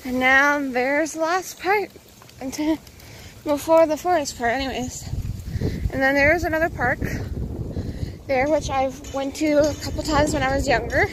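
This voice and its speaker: Filming herself on a phone held at arm's length, a young vlogger chats casually as she walks along a suburban path, slightly breathless. Her high-pitched voice moves at a normal speed with fairly even intonation, a bit of brightness, and frequent pauses. The audio is poor, with a little hiss or hum.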